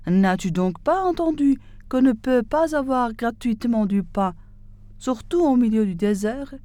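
A miserly man who weeps over his dying dog, speaking in a plaintive, tearful way, as a woman narrator puts him on. His voice is mellow and slow, from an old storybook tale, and the recording is close and dry. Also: a little high, lively intonation, dry recording, voice pushed up. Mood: stubborn. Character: weeping, stingy man grieving his dog.

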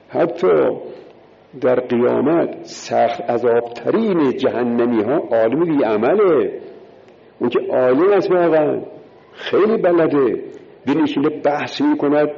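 A man delivers a religious sermon, counting off his points and driving each one home by repeating it. His voice has a gravelly edge. It rings out with a long reverb in a lo-fi recording. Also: mid-range voice. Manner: emphatic, repeats key words, counts points in order. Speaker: preacher.

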